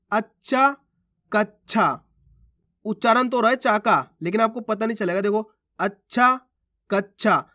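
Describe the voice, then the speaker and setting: A man giving a reading lesson, asking how each word is read and then repeating it slowly with careful stress on the sounds. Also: sits high. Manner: loudly sounds out model words. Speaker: Hindi reading teacher. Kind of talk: slow spoken lesson, reading words aloud.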